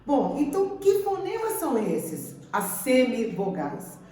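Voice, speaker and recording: A woman teacher giving a slow, deliberate grammar lesson, repeating example words. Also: on the high side, huge pitch swings, dark tone. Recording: echoey room, mic at a distance.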